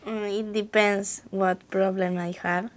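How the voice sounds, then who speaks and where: Slow woman, halting answers. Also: medium pitch, flat delivery. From Argentina. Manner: halting, simple phrasing. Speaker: exam candidate. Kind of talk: spoken English exam answers.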